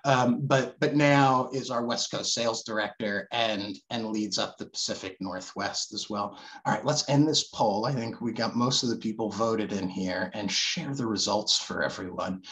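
Man hosting webinar, mid-pitched voice, loose delivery, lots of uh and um. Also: a bit bright, rough recording. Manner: loose, filler-heavy, restarts phrases. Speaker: webinar moderator. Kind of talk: hosting a video call panel. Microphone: video call.

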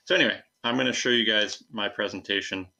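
A young man gives an informal science lecture in a low voice with some fry in it. He explains in a halting, conversational way, talking students through his slides. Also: pushed and bright. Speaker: science teacher. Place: indoors, recorded at a computer.

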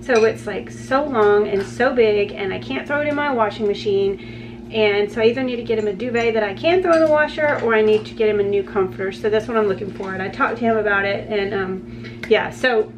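A woman's voice: mid-range voice, a little fast, background noise. A woman, chatting casually and rambling through a day-in-the-life vlog at home. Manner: chatty, rambling, with many fillers and restarts. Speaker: vlogger.

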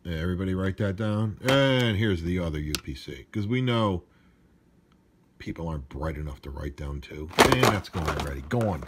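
Recorded on a noisy handheld phone with handling clicks, this unboxing vlogger offers sarcastic, grumbling, improvised remarks while at a wooden desk indoors. He has a deep, expressive voice and speaks at normal speed.

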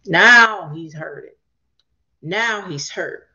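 Lady preaching slow with a voice that jumps all over, dull lo-fi sound. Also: fairly low pitch. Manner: expressive, breaks in with praise and asides. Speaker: Bible teacher. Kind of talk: scripture reading and sermon teaching. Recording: dull lo-fi recording.

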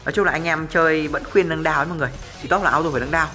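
A young man giving live gameplay commentary, chatty and self-mocking, who jumps to excited yelling in fights. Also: fairly high pitch, very fast. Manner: self-mocking, cursing banter. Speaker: gameplay streamer. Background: faint background music.

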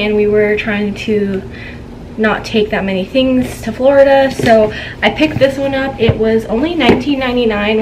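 Chatty young woman with a higher voice. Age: young adult. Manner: chatty, giggly, gossipy storytelling. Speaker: vlogger. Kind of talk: casual haul chat. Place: home room, indoors. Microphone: camera on a tripod, seated. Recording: noisy home room.

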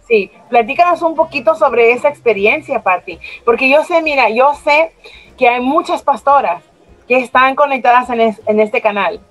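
A woman's voice: high-pitched, normal speed, soft background music, rough recording. A woman pastor hosting an interview, speaking with an emphatic, preacher-like cadence. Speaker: host and pastor.

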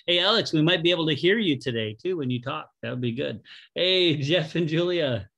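A man's voice: a little high, animated, a little fast, pushed and bright. A middle-aged man speaking conversationally as he leads a Bible study group, addressing people directly. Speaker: congregation leader teaching a Bible study. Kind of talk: informal greeting and study leading. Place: small office or classroom, indoors. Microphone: webcam video call microphone. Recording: clear background noise and clicks.

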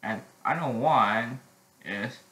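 A teenage boy chatting casually in a vlog, halting with many restarts and frequent throat clearing. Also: medium pitch, sharp tone, reverberant, rough recording. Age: teens. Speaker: vlogger.

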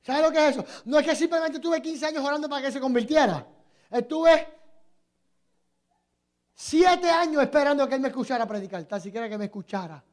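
A middle-aged man preaching in Spanish, telling a personal story that rises to shouted, tearful peaks and falls to quiet teaching. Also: very high voice, a little fast. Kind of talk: impassioned sermon testimony.

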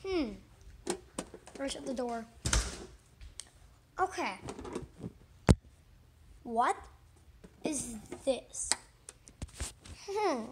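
A woman hosting a casual toy unboxing vlog, narrating chattily and excitedly. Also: sits high, extremely slow, long pauses, background noise.

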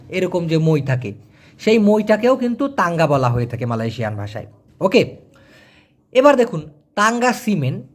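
Male language teacher, lively, repeats and spells each word. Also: high voice. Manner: explains slowly, spells out letters, repeats words. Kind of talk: casual vocabulary lesson.

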